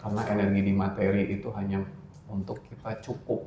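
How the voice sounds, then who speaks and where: Guy giving a laid-back religious talk, lowish voice, joking and blunt, roomy hall with faint background hum. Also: level tone, mellow. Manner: joking, blunt, slows down to stress points. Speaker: religious study speaker. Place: indoor study hall.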